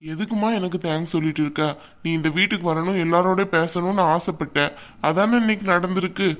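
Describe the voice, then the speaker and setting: A woman's voice: lowish voice, fairly even intonation, a little fast, close to an everyday voice. A woman voicing an older male father-in-law in a cartoon, firm and fatherly. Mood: reasoning. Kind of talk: cartoon voice acting.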